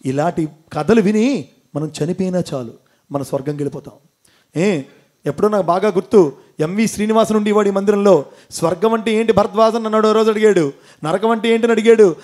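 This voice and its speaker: A man's voice: high voice, a little mellow. A man giving a devotional storytelling talk to an audience in a temple hall, asking them questions and acting out the characters. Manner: asks audience questions, acts out voices. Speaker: motivational speaker.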